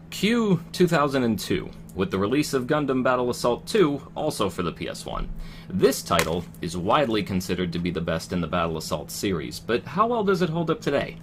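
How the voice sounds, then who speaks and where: A low-pitched American man narrates a scripted game review. His intonation is very lively, with casual wry asides, over faint noise.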